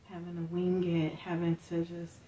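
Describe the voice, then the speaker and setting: Soft-spoken woman, distant mic. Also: fairly low pitch, monotone, normal speed, dull audio. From Northern Kentucky. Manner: soft-spoken, many fillers, acts out quoted speech. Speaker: interviewee. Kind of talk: personal storytelling interview. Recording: distant mic with faint background hiss.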